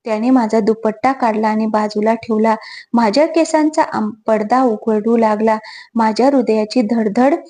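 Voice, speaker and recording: Woman, storyteller, first-person scripted narration, earnest, steady, slightly high, mellow. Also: normal speed. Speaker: storyteller, channel host.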